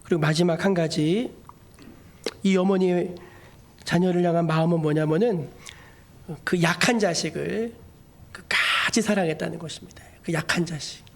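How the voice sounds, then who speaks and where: High-voiced animated male pastor. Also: moderate pace, vocal fry, pauses often. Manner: animated storytelling, acting out quoted voices. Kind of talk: sermon.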